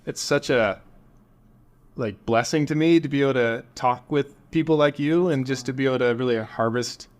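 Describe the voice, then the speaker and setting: A man's voice: medium pitch, normal speed. Laid-back rambling podcast host man. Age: 30s. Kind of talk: casual interview chat.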